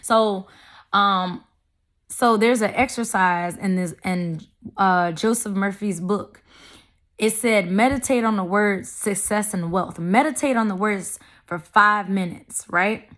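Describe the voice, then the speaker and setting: A woman's voice: medium pitch, slow, a bit bright. A woman with speech, talking bluntly and profanely in a casual monologue, stressing points by stretching words out. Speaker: vlogger. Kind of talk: casual unscripted monologue to camera.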